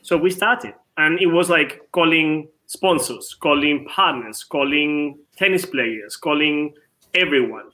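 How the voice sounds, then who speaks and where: Tennis club co-owner, male, late 30s, from Venezuela, ringing upper voice, quick with restarts. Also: on the high side, bright, forceful tone. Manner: quick, repeats words at starts. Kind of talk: casual interview.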